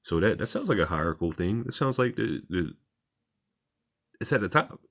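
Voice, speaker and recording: A man's voice: low voice, big pitch swings, moderate pace, gravelly, fairly bright tone. A man reading articles aloud and commenting on them in an informal, repetitive, plain-spoken way, as a religious commentator.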